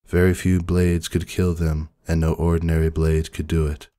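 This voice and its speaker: A man reads fan fiction aloud in a very deep, flat voice, measured and deadpan. The sound is dry and close, with faint music beneath. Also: no echo. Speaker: narrator. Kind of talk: dramatic reading of fan fiction.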